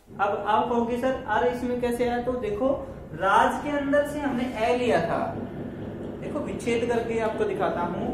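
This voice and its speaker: A man teaches a grammar lesson slowly and deliberately, working through each step and answering his own questions. His voice rings in a very echoey room. He sounds a little way back from the microphone. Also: high-pitched, far from the mic, background noise.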